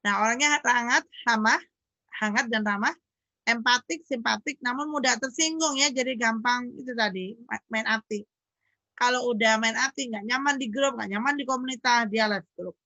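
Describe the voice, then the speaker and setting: Seorang wanita, dokter, membawakan materi parenting dengan gaya santai dan hidup. Suaranya agak tinggi dan sangat cerah, dan rekamannya kering, nyaris tanpa gema ruangan. Ia sering menyapa para orang tua secara langsung. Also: female voice, dry recording. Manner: lively, acts out quoted dialogue with jumps in pitch; chatty, addresses parents directly. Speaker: doctor giving a parenting talk. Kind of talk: educational talk.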